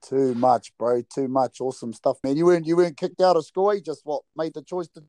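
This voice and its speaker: Male host, New Zealand accent, slangy and laid-back, mellow tone, dry sound, casual sports talk. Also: fairly high pitch, fairly even intonation, a little fast, no echo.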